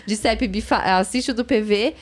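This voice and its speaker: A woman's voice: mid-range voice, moderate pace. A woman co-hosting a podcast in a chatty way, pointing listeners to past episodes. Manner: chatty, promotes the channel. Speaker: podcast co-host. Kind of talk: casual podcast chat.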